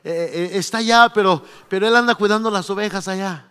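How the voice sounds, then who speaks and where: A man's voice: high voice, fairly bright tone, smooth. A man voicing a hesitant old father who stammers and fumbles for words. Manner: halting, stammering, mumbling. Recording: long reverb of a hall.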